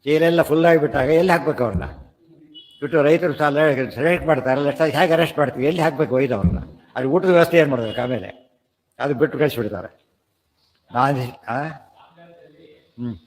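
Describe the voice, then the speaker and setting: A man giving a scripture lecture, explaining Sanskrit verses in a conversational way, often checking whether listeners understood. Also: on the high side. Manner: chants verses slowly. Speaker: scripture teacher. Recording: long hall reverb.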